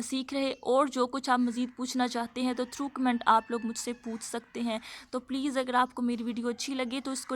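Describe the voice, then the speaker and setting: A woman teaching Quran letter pronunciation, sounding out each letter slowly and carefully, then explaining in quick casual speech. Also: high-pitched, fairly bright tone. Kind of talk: slow letter-by-letter tajweed lesson.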